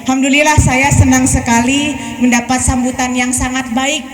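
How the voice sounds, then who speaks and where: A woman of about thirty, visiting a school as a guest speaker, gives students a lively, teasing talk full of jokes and quizzes. Her voice is high-pitched and level at a moderate pace, with faint music behind and crowd noise in an echoey hall.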